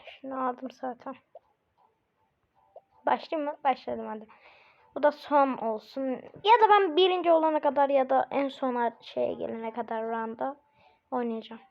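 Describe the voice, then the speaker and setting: A woman hosting casual gameplay commentary, chatty and bursting into excited shouts at the game. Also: high voice, normal speed, creaky, pauses often. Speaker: gaming channel host. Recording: muffled lo-fi recording with faint game music.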